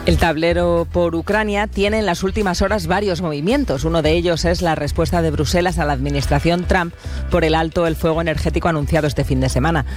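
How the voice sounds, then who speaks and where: A woman anchoring a radio news bulletin, reading in a measured, formal way. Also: on the low side, fairly even intonation, faint music behind.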